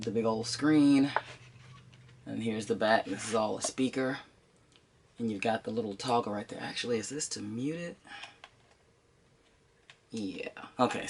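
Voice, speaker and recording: A channel host with a congested, sinus-affected voice does a casual unboxing, thinking aloud informally as he goes. His voice is lowish, and there's a slight amount of background noise.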